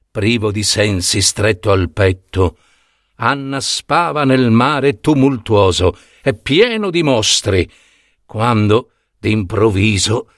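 A man's voice: medium pitch, fairly bright tone, no echo, studio quality. A man narrating a mythological story in a scripted, dramatic manner. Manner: dramatic, wide-ranging storytelling.

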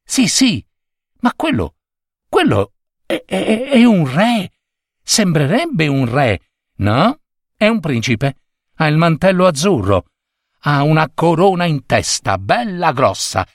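A man puts on a squeaky, excitable know-it-all schoolgirl who stammers as she rushes, pitched far above his own voice. It is a storybook reading with a dry, close sound. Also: dry recording. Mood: excited.

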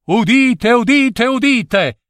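A man voicing a royal herald who makes a loud, ringing proclamation in a storybook tale. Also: very high-pitched, expressive, takes it slowly, dry recording, clean studio sound, voice pushed up, exaggerated voice. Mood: proclaiming.

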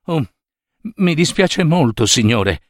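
A man's voice: fairly high pitch, big pitch swings, slow pace, no room sound, studio quality, exaggerated voice. A man voicing a timid clerk who speaks apologetically and hesitantly. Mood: apologetic.

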